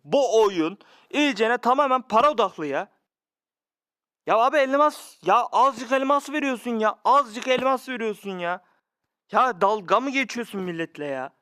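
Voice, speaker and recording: A man with a high voice, recorded dry and close on a phone, complains about a mobile game. He sounds exasperated and keeps repeating his rhetorical questions. He talks straight to his viewers as if they were his brothers. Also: fairly bright tone, no echo. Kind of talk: ranting screen-recorded game commentary.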